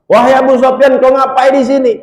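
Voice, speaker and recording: A man putting on a shrill indignant young woman. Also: little pitch movement, fairly quick. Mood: angry. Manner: indignant, scolding. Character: angry young woman scolding her father. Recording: echoey hall.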